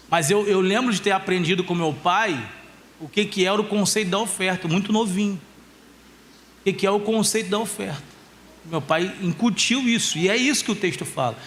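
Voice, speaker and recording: High-voiced male pastor preaching passionately. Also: a bit bright, slight background noise. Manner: impassioned preaching, slowing to stress key phrases; storytelling with family anecdotes. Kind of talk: sermon. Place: church conference stage.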